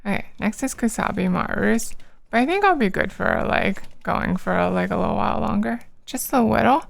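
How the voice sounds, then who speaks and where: A woman's voice: a little high, lively intonation, moderate pace, gravelly. A tired woman streamer chatting casually with her viewers while she draws, rambling with lots of fillers. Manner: rambling, many fillers, soft laughs.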